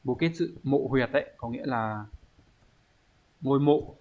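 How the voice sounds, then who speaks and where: Man explaining slowly, thinking aloud. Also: mid-range voice, phone-quality sound. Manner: thinks aloud, slow explanatory delivery with pauses. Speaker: Japanese teacher. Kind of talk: online language lesson.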